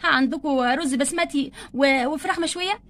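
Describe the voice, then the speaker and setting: A woman's voice: high-pitched, fairly quick, fairly bright tone. Woman voicing a carefree, demanding wife doll. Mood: breezy. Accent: Egyptian Arabic. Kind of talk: doll play-acting.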